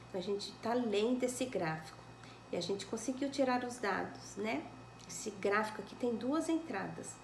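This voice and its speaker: Brazilian woman teacher, fairly high voice, patient and clear with kids; roomy home recording. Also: a little hiss or hum. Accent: Brazilian Portuguese. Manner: patient, explains slowly, checks with "né?" and "tá bom?". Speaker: primary school teacher. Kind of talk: recorded lesson correcting homework.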